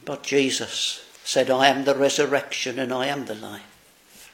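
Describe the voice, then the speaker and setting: A man preaching a sermon, slow, solemn and earnest. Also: medium pitch, steady tone.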